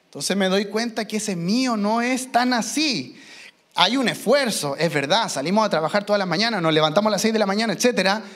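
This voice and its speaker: A man, preaching a sermon as pastor, emphatic and slowing down for key phrases. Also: high voice, a bit bright. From Chile. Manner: emphatic, slows down for key phrases, mimics children. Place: church.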